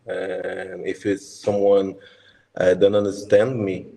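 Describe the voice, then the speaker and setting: A man's voice: deep voice, completely flat delivery, takes it slowly, mellow. A man with a Brazilian accent, a native Portuguese speaker, chatting politely as a livestream guest. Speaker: guest, biologist and wildlife photographer. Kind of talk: casual livestream chat.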